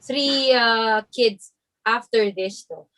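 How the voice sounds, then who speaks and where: A young woman co-hosting a live show, chatty and quick to laugh as she asks the guests questions. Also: fairly high pitch, fairly bright tone. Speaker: co-host. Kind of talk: casual live-show interview, Tagalog-English mix.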